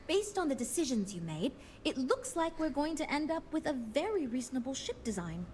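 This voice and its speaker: Game team leader: earnest, conciliatory, businesslike, animated delivery, slightly high. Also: female voice, fairly quick, slight background noise. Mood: cautiously hopeful. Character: earnest, diplomatic woman leading a ship design team. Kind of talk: scripted game dialogue.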